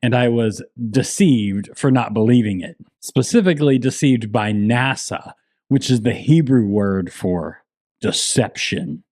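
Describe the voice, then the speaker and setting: Guy hosting an explainer vid, sarcastic and emphatic, medium pitch, dry sound no echo. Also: lively intonation, a little slow, a little mellow. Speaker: host of a Bible-explainer video channel. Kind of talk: scripted video commentary, explaining and debunking.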